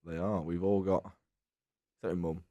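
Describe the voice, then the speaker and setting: A low-voiced man in his early 20s co-hosts a casual podcast, telling self-mocking stories and laughing through them. His delivery is flat and mellow at a normal speed, and the audio sounds dull.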